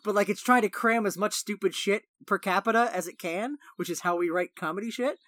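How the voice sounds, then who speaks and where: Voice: mid-range voice, brisk, a bit bright, dry recording. Casual podcast co-host, opinionated, long asides, dry close-mic sound. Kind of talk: casual chat.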